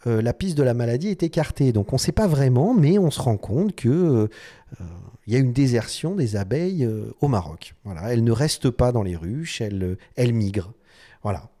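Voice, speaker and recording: Male vlogger talking design to camera, mellow, halting delivery with frequent restarts. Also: mid-range voice, lively intonation. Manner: hesitant, many fillers and restarts. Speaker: design video host. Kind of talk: casual explanatory talk to camera.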